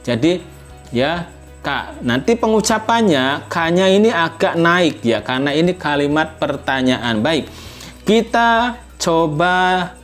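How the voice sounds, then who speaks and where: Male language teacher, unhurried delivery, rather high voice; patient and repetitive, demonstrates sentences with a strong rising end. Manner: patient, repetitive, checks in with "ya" constantly; models example sentences with exaggerated rising intonation. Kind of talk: explanatory lesson.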